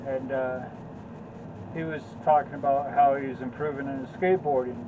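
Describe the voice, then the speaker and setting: A man's voice: mid-range voice, steady tone, moderate pace, phone-quality sound, noisy background. A man co-hosting in a laid-back, joking, rambling way, chatting about his year. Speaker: co-host. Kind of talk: casual chat.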